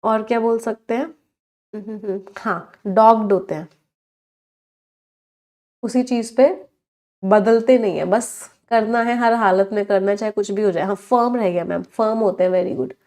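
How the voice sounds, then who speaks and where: An Indian-accented woman holds a live online English vocabulary class for exam prep, moving between Hindi and English while questioning her students. Her mid-range voice is darkish, with fairly even intonation, and she slowly elongates each English word.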